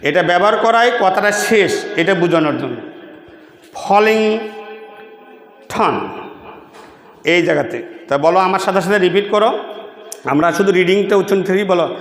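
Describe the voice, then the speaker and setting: High-voiced teacher in an echoey room. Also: male voice, expressive, fairly bright tone. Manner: drills pronunciation slowly, asks students to repeat; checks in often with rhetorical questions. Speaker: English teacher. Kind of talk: spoken English lesson to students. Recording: echoey room with long reverb.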